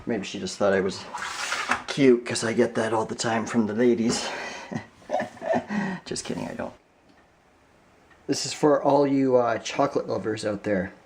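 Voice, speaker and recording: Young male vlogger, easygoing and jokey, average pitch, camera mic with light noise. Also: a little mellow. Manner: chatty and joking, laughs often. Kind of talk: casual vlog chat. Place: home kitchen and a store.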